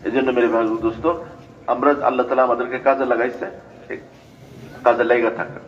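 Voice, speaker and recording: A man's voice: mid-range voice, flat delivery, fairly quick. Older man preaching, dull lo-fi sound. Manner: storytelling preaching with chanted invocations. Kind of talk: sermon. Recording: dull lo-fi recording.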